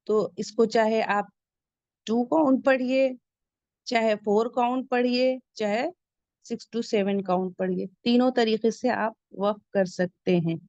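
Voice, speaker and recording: Woman recitation teacher, fairly high voice, patient step-by-step explaining, dry close sound. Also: a little mellow, no echo. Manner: patient, explains each rule slowly and repeats key points. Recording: dull lo-fi sound.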